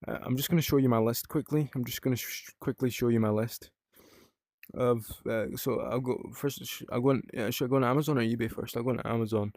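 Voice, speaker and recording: A man's voice: medium pitch, fairly even intonation, fast, darkish tone, no echo, clean studio sound. A young British man from the UK chatting casually in a rambling vlog, swearing freely and using lots of fillers. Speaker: vlogger.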